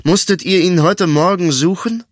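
A man's voice: high-pitched, no echo, studio quality, pitched above the performer's own voice. A man doing a cold, menacing thief. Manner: slow, deliberate and threatening, then snapping. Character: cold, menacing male thief, quietly dangerous. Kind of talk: audiobook character voice.

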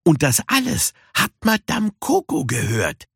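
A man voicing a small, proud grey female cat who is quick to scoff, in a storybook reading. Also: on the high side, huge pitch swings, vocal fry, fairly bright tone, slightly rough, dry recording, clean studio sound, pitched above the performer's own voice, exaggerated voice.

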